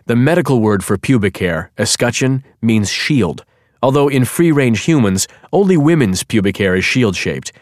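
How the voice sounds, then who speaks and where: A man reading a first-person novel aloud in a sardonic, wry deadpan, close to the mic. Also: mid-range voice, no room sound. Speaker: audiobook narrator. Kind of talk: scripted first-person narration.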